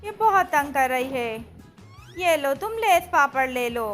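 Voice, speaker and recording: Very high-pitched bright woman, playful voice-over. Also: animated, measured pace, faint music behind. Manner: exclaiming, sing-song, childlike cheer. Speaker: voice-over for a kids' comedy skit channel. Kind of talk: playful voice-over dubbing skit characters.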